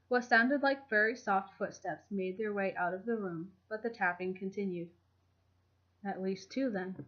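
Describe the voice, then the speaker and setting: A woman reading a fan fiction chapter aloud in a steady, even storytelling manner. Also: medium pitch. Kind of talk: audiobook narration. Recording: dull lo-fi home recording.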